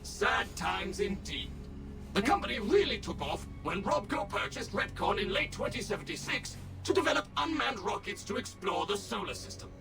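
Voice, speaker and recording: A man voicing an overly smooth, cheerful robot tour guide in a video game. He speaks with polished, sing-song salesman politeness. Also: high-pitched, expressive, moderate pace. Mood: chipper. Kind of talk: video game character dialogue. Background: game music.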